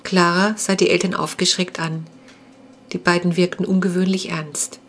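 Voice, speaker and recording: A woman reading aloud her own children's novel as an audiobook, calm and measured. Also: on the low side, slight background noise.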